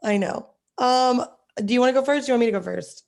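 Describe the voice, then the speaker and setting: A young woman co-hosting a podcast in casual chat, her voice hoarse and raspy, telling things with enthusiasm. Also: fairly high pitch, fast. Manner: animated storytelling, enthusiastic. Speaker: podcast co-host.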